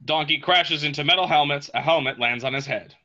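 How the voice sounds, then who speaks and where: Script narrator, male: crisp-edged forceful tone, slightly raised pitch, reads stage directions, lo-fi sound. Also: a little fast.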